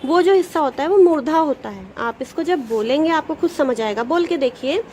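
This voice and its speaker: High-voiced woman teaching children. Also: animated, a little mellow, slight background noise, poor audio. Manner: patient, explains step by step, sounds out letters slowly; addresses pupils directly, asks questions then answers them. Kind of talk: Hindi grammar lesson for children.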